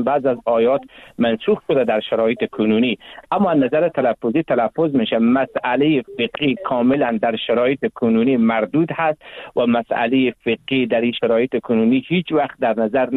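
A man, a guest on a radio interview, explaining religious law at length in a lecturing way with frequent hesitations. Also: medium pitch. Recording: tinny phone line.

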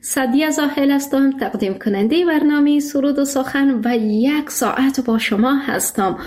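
A woman with an Afghan accent presents a radio phone-in. Her voice sits a little high, and she talks in a friendly, courteous, conversational manner. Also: darkish tone. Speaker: radio programme host.

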